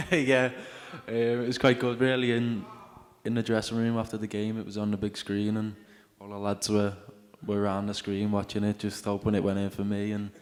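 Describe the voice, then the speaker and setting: A young man answers questions about his game in a low, flat voice. He hesitates and trails off with "yeah", and a long reverb hangs behind him. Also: normal speed. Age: young adult. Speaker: footballer interviewee. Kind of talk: casual interview.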